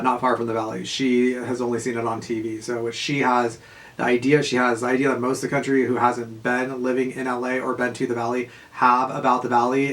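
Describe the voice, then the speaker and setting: A man, telling a casual, profane story in a rambling monologue full of fillers and quick laughs. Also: medium pitch, fairly bright tone. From Southern California. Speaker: vlogger.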